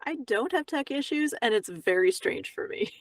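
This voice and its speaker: Woman tabletop player, bright high voice that swoops around, playful, dry close mic. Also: expressive, normal speed, dry recording. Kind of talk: casual tabletop play and in-character lines.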